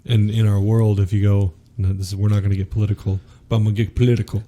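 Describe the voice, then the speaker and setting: A man's voice: fairly low pitch, flat delivery, quick pace, dark tone. A man who is a podcast guest, talking earnestly about spiritual ideas in a preacher-like way. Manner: earnest, preacher-like, quotes scripture. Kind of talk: spiritual teaching in conversation.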